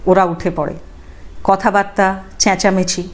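A woman narrating a short story for a podcast with an even, measured reading. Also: mid-range voice. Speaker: podcast reader.

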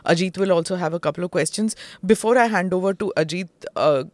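A woman's voice: fairly low pitch, fast talker, no echo. Indian woman host, dry close sound. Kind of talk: news discussion interviewing.

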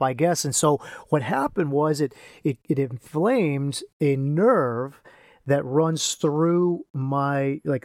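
A man hosting a casual solo podcast, rambling and repeating himself, his speech slightly slurred and soft on lip consonants as if numb from the dentist, with one side of his mouth paralyzed. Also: fairly high pitch, dry recording, studio quality. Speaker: podcast host and men's coach.

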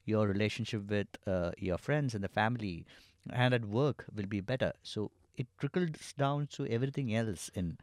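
Indian guy with a lowish voice explaining things casually, kinda hesitant, dry room. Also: moderate pace, darkish tone, no room sound. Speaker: podcast guest.

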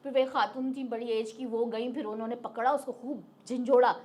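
A woman's voice: a little high, fairly even intonation, brisk, darkish tone, muffled recording. A middle-aged woman recounting a personal experience in casual, vivid detail as an interview guest. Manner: vivid, detailed retelling with acted-out quotes. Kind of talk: casual spoken storytelling.

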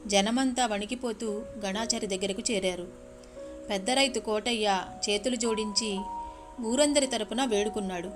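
A woman narrating a folk tale in a vivid, expressive storytelling manner. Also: mid-range voice, moderate pace, over music.

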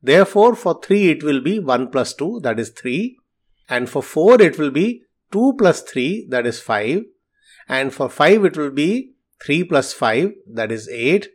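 Male podcast host, math teacher; animated pitch, slightly high, methodical and teacherly. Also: a little slow. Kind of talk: scripted podcast explanation.

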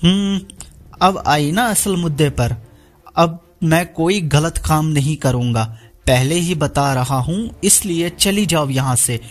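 A man voicing a bitter, desperate young man who speaks harshly and shouts. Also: on the high side, takes it slowly. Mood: bitter angry.

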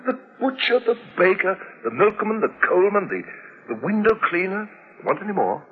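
A jokey young husband, brisk and teasing, voice swings all over, muffled old radio sound. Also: male voice, high-pitched, big pitch swings, slight background noise. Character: breezy, joking young husband. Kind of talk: 1960s radio drama acting. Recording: dull lo-fi 1960s radio recording.

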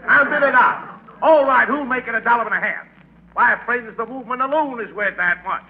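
A man playing a smooth-talking, hustling auctioneer with showy sales patter in a 1940s radio play. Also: extremely high pitch, brisk, full character voice. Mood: salesy. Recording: tinny old radio broadcast.

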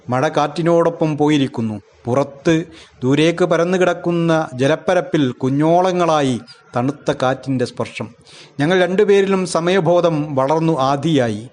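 A man reading a literary short story aloud in an unhurried narrating voice, with small self-corrections. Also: on the high side, a little mellow.

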